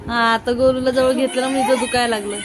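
A woman's voice: on the high side, level tone, quick pace, a loud crowd. A woman narrating a casual family vlog, chatting to viewers and coaxing her children. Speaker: family vlogger.

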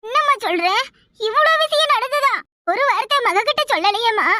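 A voice actor playing an anxious young married daughter in a cartoon, asking alarmed questions. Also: female voice, extremely high pitch, lively intonation, fast talker, bright, forceful tone, dry recording, studio quality, heavily acted.

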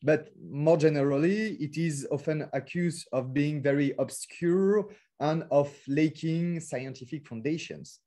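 A man with a French accent lectures over a video call, his voice sitting fairly high but mellow and soft-edged. He picks his way through non-native phrasing with frequent fillers and restarts, steady and academic in tone. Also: measured pace. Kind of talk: academic webinar talk.

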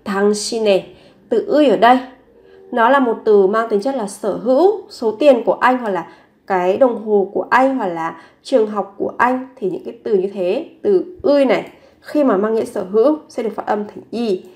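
A woman language teacher explaining grammar patiently, repeating example phrases slowly and clearly. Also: medium pitch, a little mellow. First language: Vietnamese. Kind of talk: teaching Korean grammar in Vietnamese.

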